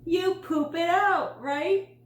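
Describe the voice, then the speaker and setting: Lady doing a peppy storybook dentist, quizzing a kid, higher voice, echoey room. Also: lively intonation, moderate pace, a little mellow. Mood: yelling gleefully. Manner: emphatic, teacherly questioning. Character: friendly, enthusiastic adult dentist. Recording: roomy room with faint hum.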